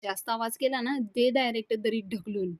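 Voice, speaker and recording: A woman voicing a shady young man who gives rough, bossy orders over the phone. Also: a little high, brisk, no echo, clean studio sound, close to an everyday voice.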